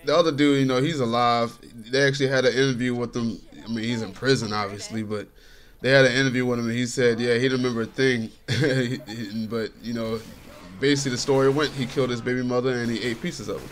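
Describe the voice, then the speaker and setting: A man's voice: mid-range voice, fairly even intonation, fast talker, a little hiss or hum. Laid-back, chatty man doing game commentary. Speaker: gaming commentator. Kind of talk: casual gameplay commentary. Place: his bedroom.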